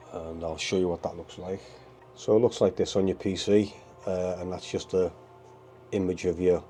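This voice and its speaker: Stuffed up with a cold, a man hosts his hobby channel with a rambling, casual how-to, his low, darkish voice sounding bunged-up. He fills it with ums and uhs and keeps calling his viewers "guys."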